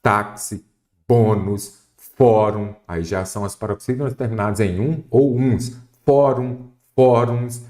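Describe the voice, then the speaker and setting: A man with a Brazilian Portuguese accent teaching an exam-prep grammar lesson, explaining rules step by step and throwing quick questions at his students. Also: on the low side, a little mellow.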